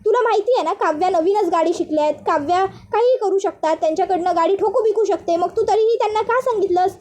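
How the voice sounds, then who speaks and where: A woman's voice: very high voice, fast, a little mellow. A woman voicing a short-tempered young male office boss in a retold serial, talking in a scolding, hot-headed way. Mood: angry.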